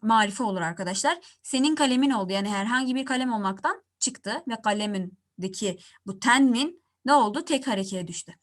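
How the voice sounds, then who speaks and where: A woman teaching an Arabic grammar lesson in Turkish, who asks her students questions and answers them herself, and slows down to pronounce each example word. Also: a little high, expressive.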